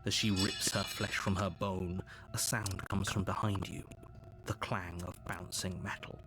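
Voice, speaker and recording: An actor playing a stern, ominous storyteller in a video game, narrating in a deliberate, dramatic manner. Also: male voice, low-pitched, level tone, over music.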